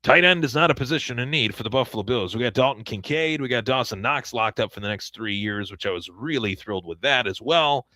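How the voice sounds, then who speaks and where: A man's voice: mid-range voice, lively intonation, fairly quick, hardly any pauses, sharp tone, no echo. A man hosting a solo sports podcast, giving enthusiastic, opinionated commentary and often repeating words as he restarts.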